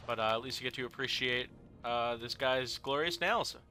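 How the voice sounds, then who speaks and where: A young let's play host gives casual, rambling commentary on the video game he's playing, full of joking asides and fillers, over game music. His medium-pitched voice is bright and forceful at normal speed.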